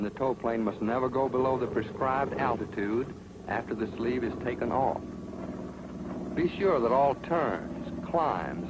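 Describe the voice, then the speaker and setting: Over an old 1940s film soundtrack with music, a man narrates a training film in an authoritative, sardonic manner. His voice is medium-pitched, and there's background noise.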